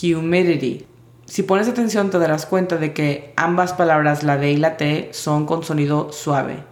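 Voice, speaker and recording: A woman teaching English vocabulary in Spanish, spelling out each word's sounds slowly and carefully. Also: low-pitched, fairly even intonation, echoey room. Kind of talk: vocabulary lesson.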